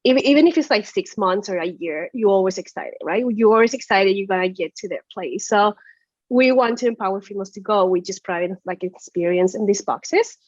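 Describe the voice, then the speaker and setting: A woman's voice: medium pitch, fairly quick, dry recording, highs cut off. A woman from Chile, a guest entrepreneur, answering interview questions earnestly with lots of "uh" and "like". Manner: earnest, many "uh" and "like" fillers.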